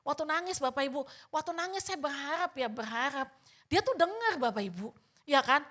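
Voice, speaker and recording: A woman's voice: high voice, lively intonation, brisk, a bit bright. An older woman pastor preaching a sermon, telling a personal story and often addressing the congregation, acting out her own past remarks.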